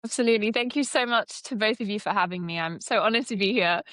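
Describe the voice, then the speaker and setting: Guesting on a podcast, a UK AI consultant in her twenties responds to interview questions with enthusiasm and frequent laughter. She speaks quickly in a medium-pitched, somewhat bright voice, recorded with no echo.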